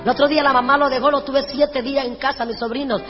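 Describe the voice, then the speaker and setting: A woman preacher telling lively, humorous stories in a sermon, acting out the dialogue. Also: high voice, fast. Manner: animated, humorous, acts out dialogue. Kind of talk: storytelling sermon. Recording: echoey hall, dull sound, music behind.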